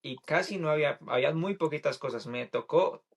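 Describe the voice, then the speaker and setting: A man's voice: fairly high pitch, fairly quick, gravelly, slightly rough. A man hosting a casual podcast, upbeat and chatty with loose fillers. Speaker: podcast host.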